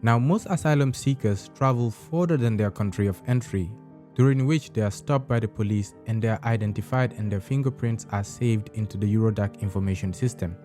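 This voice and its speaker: A man hosting a podcast, reading scripted documentary narration in a measured, explanatory way. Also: on the low side, dark tone, soft background music.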